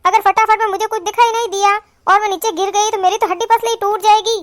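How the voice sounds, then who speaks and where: A woman voicing a quarrelsome, sharp-tongued young sister-in-law who scolds and insults in a cartoon. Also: very high-pitched, fairly even intonation, fast, no echo, studio quality. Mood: fussy complaint. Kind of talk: cartoon voice acting.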